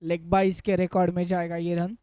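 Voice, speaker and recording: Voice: medium pitch, monotone, brisk, mellow, clear, resonant tone, no room sound, studio quality. A Hindi cricket commentator calling play ball by ball, mixing in English cricket terms.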